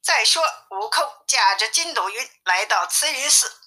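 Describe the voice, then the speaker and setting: A woman narrating a simplified classic tale for an audiobook, reading clearly and expressively. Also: on the high side, expressive, a little slow, sharp tone, poor audio. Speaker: storyteller.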